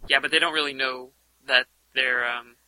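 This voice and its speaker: A man chatting casually on a podcast, halting with many fillers. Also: medium pitch, fairly even intonation, noisy background. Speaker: podcast co-host. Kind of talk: casual chat.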